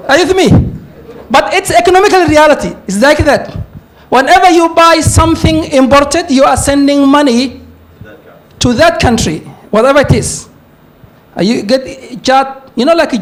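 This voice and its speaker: A man's voice: extremely high pitch, expressive, moderate pace. A man from Somalia with a Somali accent, giving an emphatic forum talk as a university lecturer and switching between English and Somali. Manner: emphatic lecturing, with asides and chuckles.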